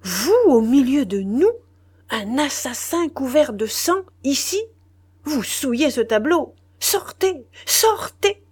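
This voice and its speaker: A woman reading a storybook voices a furious aristocratic general who shouts in outrage. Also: high voice, big pitch swings, takes it slowly, husky, voice pushed up, full character voice. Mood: outraged.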